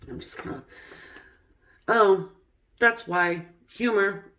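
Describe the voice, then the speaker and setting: A woman's voice: medium pitch, takes it slowly, pushed and bright. A woman giving a pick-a-card tarot reading in a chatty way, with many fillers and laughing at the cards. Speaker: tarot reader.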